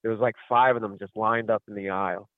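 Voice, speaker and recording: A man's voice: lowish voice, fairly even intonation, fast, no echo. Guy calling into a radio show, rambling story, plays out the back and forth, thin phone-line sound. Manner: rambling storyteller who acts out quoted exchanges. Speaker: caller. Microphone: telephone. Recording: tinny phone line, dry.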